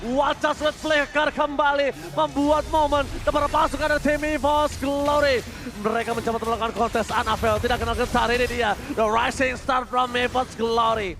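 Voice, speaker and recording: A man with an Indonesian accent calling a live esports match like a hyped fighting game announcer, dramatically shouting out the kills. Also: very high-pitched, steady tone, moderate pace. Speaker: esports play-by-play caster. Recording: loud music behind the voice. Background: music.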